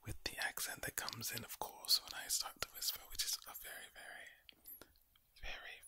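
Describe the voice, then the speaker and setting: A male ASMR video creator whispers low and breathy, giving a soothing pep talk full of repeated phrases with a villain-like, menacing tone. His delivery is also bright and forceful.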